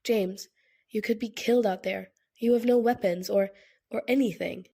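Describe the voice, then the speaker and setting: A woman voicing a blunt, sharp-tongued young man in an audiobook, harsh and challenging. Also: fairly high pitch, fairly even intonation, normal speed, creaky, husky. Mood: pleading, harsh.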